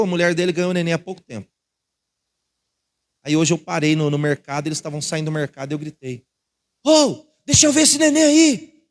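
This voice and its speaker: A man with a Brazilian Portuguese accent, a pastor preaching a conversational sermon in a church, telling personal stories to the congregation. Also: fairly high pitch. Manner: conversational preaching with anecdotes, addresses congregation as irmãos.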